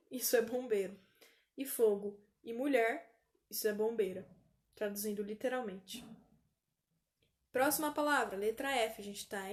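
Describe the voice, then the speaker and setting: A woman with a Brazilian Portuguese accent teaching an online English lesson, repeating each word slowly for pronunciation practice. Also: fairly high pitch, darkish tone.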